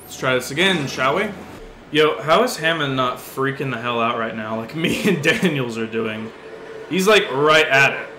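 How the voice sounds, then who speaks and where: A man doing let's play commentary on a horror game, excitable and jumpy, swearing often. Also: medium pitch, normal speed. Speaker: gaming video host. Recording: roomy with steady background noise.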